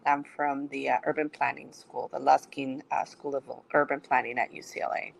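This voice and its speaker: Woman, from Mexico, middle-aged, low voice, slight fry, measured podcast interview. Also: steady tone, rough recording. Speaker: city manager.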